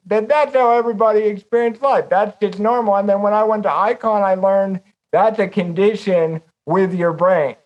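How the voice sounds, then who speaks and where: A man's voice: high voice, muffled recording. A man co-hosting a podcast, talking in a reflective, rambling way about how he makes music. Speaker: podcast co-host. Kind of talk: casual conversation.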